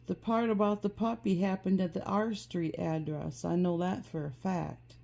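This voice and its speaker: A woman narrating a painful childhood memory in the first person, soft and somber, with the occasional restart. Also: on the low side, steady tone, moderate pace, vocal fry. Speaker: personal storyteller.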